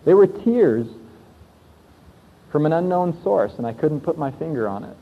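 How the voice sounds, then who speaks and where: A slightly high, husky male preacher delivers an earnest personal testimony, pausing for emphasis. The sound is thin and tinny, with a long echo trailing off the walls of a big hall. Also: big pitch swings. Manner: earnest, reflective storytelling with emphatic pauses.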